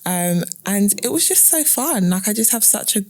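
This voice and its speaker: A woman's voice: mid-range voice, expressive, normal speed. A woman, talking as a guest in a casual interview, chatty with plenty of fillers. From England (London). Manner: warm, chatty, frequent um fillers.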